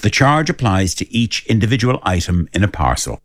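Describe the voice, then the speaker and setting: Deep, lively man, dry studio sound. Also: fairly quick, no room sound. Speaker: advert voice-over. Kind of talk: scripted public information advert.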